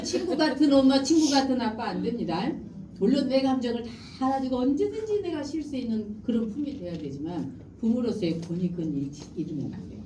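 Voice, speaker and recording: A middle-aged woman lectures with a lively, rising and falling voice. Her tone is mellow and fairly high. She sits back from the mic in an echoing hall. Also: distant mic, slight background noise. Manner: animated, acts out parent and child lines with laughter. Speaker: parenting lecturer. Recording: roomy hall, speaker away from mic.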